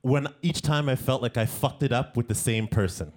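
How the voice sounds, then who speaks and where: A man, a guest artist, telling animated anecdotes in casual conversation, often laughing as he goes. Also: mid-range voice, normal speed. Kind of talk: casual storytelling.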